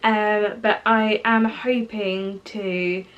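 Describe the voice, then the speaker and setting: A woman's voice: mid-range voice, fairly even intonation, extremely slow, a bit bright, muffled recording. A woman in her twenties with a British accent, chatting casually to camera as a vlogger, rambling and full of fillers. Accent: British English. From Portugal. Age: 20s.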